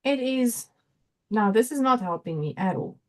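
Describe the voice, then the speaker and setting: South African woman, higher register, informal and talkative livestream host who thinks aloud. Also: lively intonation, moderate pace, darkish tone. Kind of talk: casual live chat, reading out viewer comments.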